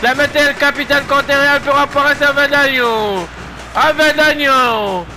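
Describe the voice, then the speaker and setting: A man giving excited play-by-play football commentary of a video game match, given to shouted, repeated goal calls. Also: extremely high pitch, unhurried, crowd noise, background noise.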